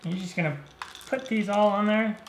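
A man's voice: high-pitched, a little fast, slight background noise. Easygoing man demonstrating a recipe. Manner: relaxed, easygoing step-by-step explaining. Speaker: cooking show host. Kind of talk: cooking demonstration. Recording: roomy echo.

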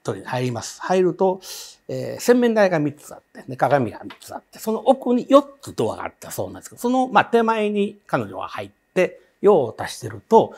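A man's voice: fairly high pitch, big pitch swings, brisk, creaky, a little mellow. A man with a Kansai accent telling a ghost story, vividly acting out the voices of the people in it.

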